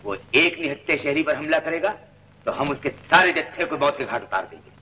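A stern police superintendent. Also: male voice, on the high side, animated, a little fast, bright, forceful tone, in a large hall, a little hiss or hum. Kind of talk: 1960s film acting.

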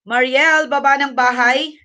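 A woman's voice: sits high, fairly even intonation, unhurried, bright, forceful tone, recorded from a distance. A woman hosting a casual livestream, out of breath, chatty and thanking viewers, mixing English into her talk. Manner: mixes English into Tagalog. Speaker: livestream host.

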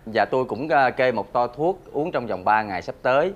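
An actor playing a polite, caring male doctor who pauses with fillers as he speaks. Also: mid-range voice, lively intonation, muffled recording, natural voice. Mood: reassuring. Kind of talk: web drama acting.

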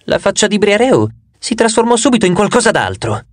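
A man narrating an audiobook in the first person, expressive with a wry touch. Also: sits high, a little fast, no echo, studio quality.

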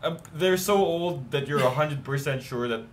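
A man's voice: on the high side, moderate pace, slight background noise. A young man co-hosting a game playthrough, joking and asking questions in a casual chat. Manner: joking, questioning, laughs often. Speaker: let's play co-host.

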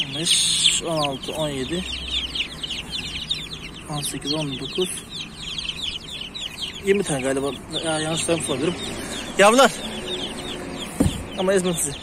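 A man with a high voice talks casually to his viewers while he tends his poultry outdoors. Clucking hens and crowing roosters are clearly heard around him, and he keeps breaking off to call to the animals. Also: moderate pace, long pauses. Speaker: hobby farm vlogger. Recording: noisy outdoor farmyard recording. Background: chickens, roosters and birds.

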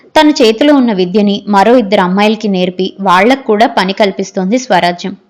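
A woman narrating a novel as an audiobook reader, in a steady storytelling manner. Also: medium pitch, brisk.

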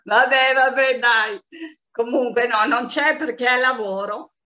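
A woman's voice: on the high side, measured pace, bright, forceful tone, dull audio. A woman giving an informal personal testimonial on a group video call. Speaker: network marketing team member.

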